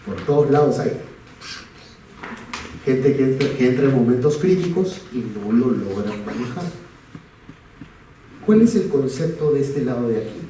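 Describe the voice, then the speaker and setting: A school psychologist gives a talk to parents in a large, echoey school hall, recorded from far off with some noise. His mellow, mid-range male voice swings widely in pitch, and he speaks a little slowly with frequent pauses. He asks the audience questions and tells a personal anecdote, acting out the dialogue.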